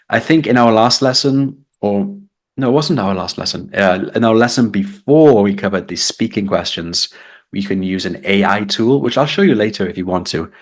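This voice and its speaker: British man, live online teacher, lowish voice, chatty with fillers. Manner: explaining, reading chat comments aloud. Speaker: English test tutor.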